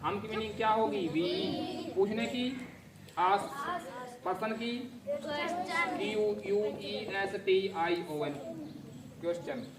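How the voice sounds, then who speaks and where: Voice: mid-range voice, big pitch swings, slow, pauses often, crowd noise. A teacher giving a grammar lesson, spelling words out letter by letter and asking the class questions. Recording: echoey classroom from far off. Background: class of students answering.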